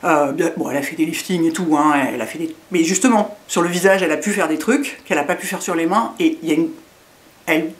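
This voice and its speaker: A middle-aged beauty vlogger with a low voice talks fast in a rambling, self-mocking, casual way. She has a lisp that makes her s sounds slushy.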